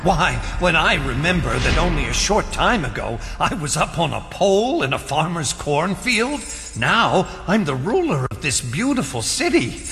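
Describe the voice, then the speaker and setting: A man playing a cheerful living Scarecrow newly made king in an audio drama, with a folksy, excitable, musing manner. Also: on the high side, moderate pace, heavily acted. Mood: pleased, musing. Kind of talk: theatrical audio drama acting. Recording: long hall reverb, music behind.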